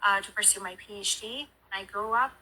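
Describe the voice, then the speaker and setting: A woman's voice: medium pitch, fairly even intonation, brisk, sharp tone, slightly rough, low-quality recording. A woman from Iran, introducing herself hesitantly in a news piece. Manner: hesitant, with fillers. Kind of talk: news vox pop introduction.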